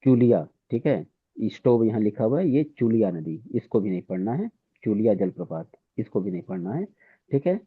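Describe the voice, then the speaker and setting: A man's voice: fairly low pitch, sing-song, moderate pace, slightly rough, dry recording. A man teaching an exam-prep lesson to students, drilling facts and repeating "theek hai" after each point. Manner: repetitive, keeps saying "theek hai". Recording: tinny phone-like audio.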